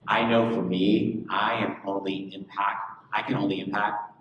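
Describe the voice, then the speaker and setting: A man's voice: on the low side, level tone, normal speed, a bit bright, dull audio, a little hiss or hum. A man who serves as a church's student director, speaking in an earnest, preacherly way. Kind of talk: earnest ministry talk. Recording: echoey room from a distant mic.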